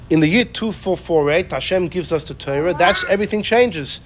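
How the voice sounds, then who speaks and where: Lively high-voiced man teaching. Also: moderate pace, noisy background. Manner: animated, acts out quoted speakers, repeats phrases. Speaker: Torah class teacher. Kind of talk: informal Torah class.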